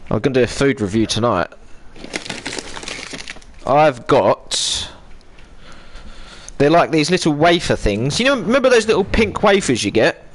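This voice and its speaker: This streamer's voice is fairly high and sing-song, and he speaks unhurriedly with long pauses as he plays live. He rambles chattily and breaks off mid-sentence, with a little hiss or hum in the audio.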